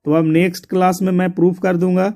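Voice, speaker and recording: A man's voice: sits high, flat delivery, fast, vocal fry, mellow. A man teaching an exam syllabus, repeating points and spelling words out letter by letter. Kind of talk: explaining a syllabus to students.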